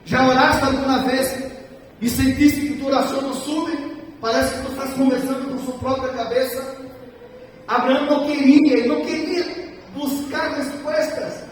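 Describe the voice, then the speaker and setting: A man preaching a sermon as a guest preacher, telling stories with strong feeling and moving between loud and soft passages. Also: very high-pitched, slight background noise. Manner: emotional storytelling, swinging between loud and soft. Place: church hall. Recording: echoey church hall, mic from far off.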